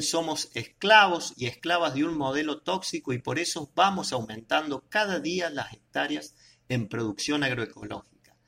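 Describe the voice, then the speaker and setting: A man with an Argentine accent reading a scripted news report in a steady, measured way. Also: fairly high pitch, gravelly, husky. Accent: Argentine Spanish. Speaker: radio reporter.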